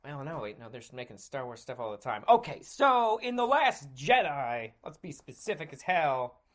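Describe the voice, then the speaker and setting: A man's voice: medium pitch, very animated, normal speed, a bit bright. Sarcastic man in his thirties. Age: 30s. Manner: sarcastic, frequent throat clearing. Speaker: podcast host. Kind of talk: casual monologue.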